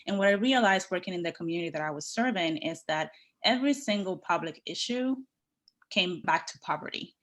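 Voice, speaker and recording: Low-voiced woman from the Dominican Republic. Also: lively intonation, fairly bright tone. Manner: earnest, measured, builds points in lists. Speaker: guest, workforce development leader. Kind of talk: podcast interview, telling her career story.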